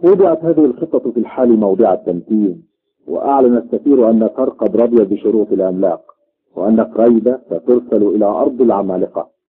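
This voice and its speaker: A man's voice: lowish voice, quick pace, husky. A man narrating a myth in a dramatic storytelling style, voicing every character himself, on a tinny, phone-like recording. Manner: expressive, voices every character.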